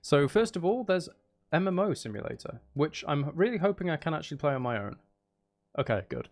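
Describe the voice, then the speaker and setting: On a livestream, a game streamer who narrates audiobooks on the side offers casual chat and game commentary, rambling in a self-deprecating way. His voice is on the high side, fairly quick, with big pitch swings.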